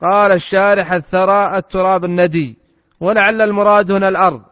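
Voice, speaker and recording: Reading quickly, this young man recites a classical text in a formal, steady way, his pitch high. The voice is near and dry, while the muffled audio trails off in long reverb.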